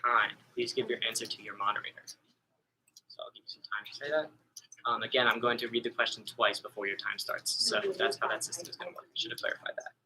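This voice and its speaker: A man's voice: medium pitch, brisk, bright, forceful tone, a little hiss or hum, poor audio. A young man hosting a virtual trivia contest, reading each question twice and slipping in casual asides. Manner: casual and chatty, with small asides. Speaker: trivia quiz host. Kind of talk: reading quiz questions over a video call. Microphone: computer mic on a video call.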